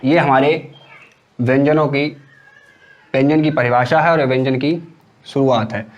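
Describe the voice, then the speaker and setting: A man's voice: medium pitch, steady tone, a little slow, highs cut off. A man teaching an exam-prep grammar lesson. He explains step by step and repeats each syllable aloud for students to copy.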